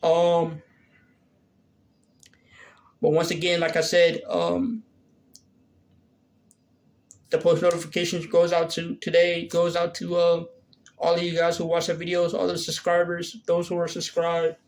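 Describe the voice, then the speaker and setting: Vlogger, man, 30s, high-pitched, creaky, halting delivery with lots of ums. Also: completely flat delivery. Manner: hesitant, many fillers and restarts. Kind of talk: casual Q&A vlog.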